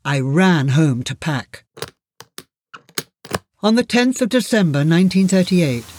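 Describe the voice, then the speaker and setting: A man narrating a first-person memoir in a measured, solemn way. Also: sits high, no room sound, clean studio sound.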